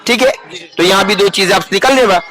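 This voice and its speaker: A man's voice: sits high, fairly bright tone. A male teacher giving a classroom grammar lesson, coaxing his students to repeat sentences after him. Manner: coaxing, call-and-response drilling.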